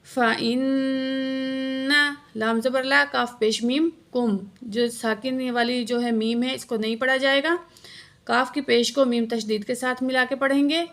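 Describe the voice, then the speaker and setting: A woman teaching Quran recitation word by word, explaining each letter patiently and reciting slowly. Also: a little high, fairly even intonation, a bit bright. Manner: slow drawn-out recitation of verses. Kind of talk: word-by-word tajweed lesson with slow recitation.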